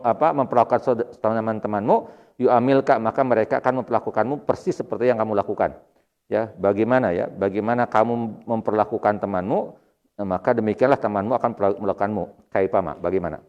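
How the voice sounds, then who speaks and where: A man teaching Arabic grammar to a mosque study class, reading phrases slowly and then explaining them quickly with a chuckle. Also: medium pitch, darkish tone, clean tone, muffled recording. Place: mosque hall. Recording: long hall reverb.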